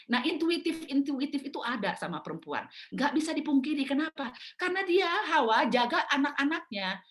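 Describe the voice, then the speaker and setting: A middle-aged woman giving a storytelling talk at a mothers' prayer meeting over a video call, lively and acting out family quarrels. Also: high-pitched, brisk.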